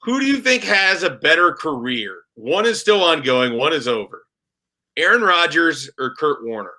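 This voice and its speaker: A man with a bright, forward voice chats loosely about sports as a guest reporter. He rambles in a relaxed, conversational way, filling gaps with frequent "like"s. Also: fairly high pitch, moderate pace. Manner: chatty, rambling with frequent "like" fillers. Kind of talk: casual podcast conversation.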